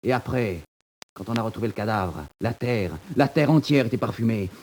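An actor playing a jealous but loyal young prisoner in a 1940s radio drama, taunting and earnest by turns. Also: male voice, fairly low pitch, animated, normal speed, darkish tone.

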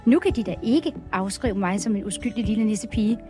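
A woman's voice: mid-range voice, expressive, natural voice. A woman reading the lines of a playful young female Christmas elf girl in a giggly, teasing way, with music underneath.

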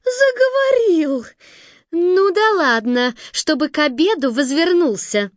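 A woman's voice: extremely high pitch, animated, slow pace, no echo, pitched above the performer's own voice, heavily acted. A woman voicing a stern, bossy fairy-tale beauty past her prime, with clipped, commanding speech. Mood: mocking. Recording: dull lo-fi recording.

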